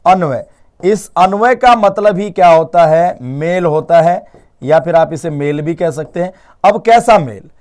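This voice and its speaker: High-voiced male Hindi teacher. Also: measured pace. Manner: lively, repeats key points as questions to students; mixes English words into Hindi teaching. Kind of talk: live online exam-prep class. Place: online classroom studio.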